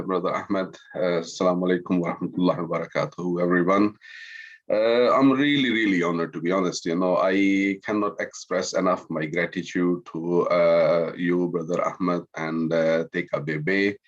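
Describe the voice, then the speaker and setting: A middle-aged man, born in Pakistan and raised in France, introduces himself conversationally as a guest on a webinar about his work in Islamic finance. He's courteous and keeps slipping in small "you know" asides. His voice sits low at a moderate pace, and the recording sounds muffled.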